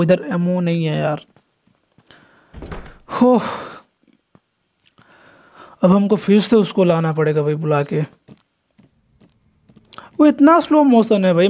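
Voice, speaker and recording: A young man giving casual, excitable commentary while playing a horror game and chatting to his viewers. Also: high voice. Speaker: gameplay streamer.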